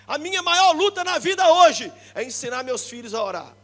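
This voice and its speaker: A middle-aged Brazilian pastor with a Brazilian Portuguese accent preaches to a church crowd in a very high voice. He jokes, shouts his main points and slips into quick impressions of the people he talks about. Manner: energetic and joking, shouting the key points, acting out quoted people. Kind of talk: lively sermon. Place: church congress hall.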